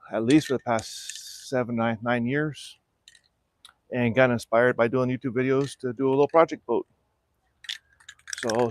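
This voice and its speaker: A middle-aged man from South Florida, hosting a casual livestream from his backyard and explaining, in a relaxed and practical way, how he is restoring a small boat. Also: medium pitch, slight background noise. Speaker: channel host restoring a boat. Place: backyard outdoors.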